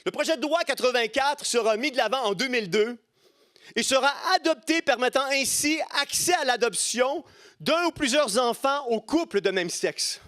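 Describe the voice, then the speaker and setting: With a very high, pushed, bright voice, a middle-aged Québécois man preaches at a moderate pace yet with animation. His Quebec French accent colors an impassioned, emphatic sermon in which he keeps returning to key phrases.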